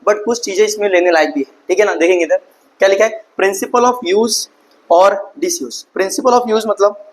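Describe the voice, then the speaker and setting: A man teaching an online class, often asking his students a question and answering it himself, and reading English lines slowly. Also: high-pitched, low-quality recording. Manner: mixes Hindi with English terms, reads English lines slowly.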